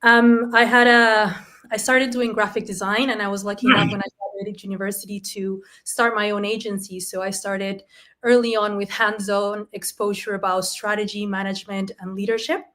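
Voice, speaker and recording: A woman's voice: medium pitch, level tone, moderate pace, fairly bright tone. Female panelist from Chile, earnest and thoughtful. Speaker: design leader, panel guest. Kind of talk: panel discussion.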